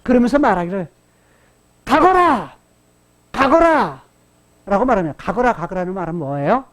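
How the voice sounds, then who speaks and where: A woman's voice: mid-range voice, expressive, racing, darkish tone. A woman pastor preaching a Sunday sermon, often asking the congregation questions and repeating key phrases. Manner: dramatic voicing of quoted insults.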